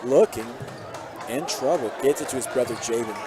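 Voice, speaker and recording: A young American man calling a high school basketball game play by play, excitable and shouting at the big plays. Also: moderate pace. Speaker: play-by-play announcer. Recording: loud crowd and gym noise behind.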